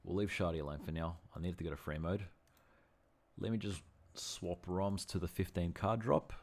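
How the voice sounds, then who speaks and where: A man's voice: low-pitched, fairly even intonation, moderate pace. A man giving chatty livestream commentary while playing, thinking aloud and often correcting himself. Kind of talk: casual gameplay livestream commentary.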